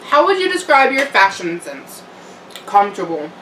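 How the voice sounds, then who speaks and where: In an echoey home room, a chatty young woman vlogger eats on camera and rambles casually, filling gaps with fillers and soft laughs. Her medium-pitched voice swings widely in pitch at a normal speed. The mic is a bit distant, and a little hiss or hum is audible.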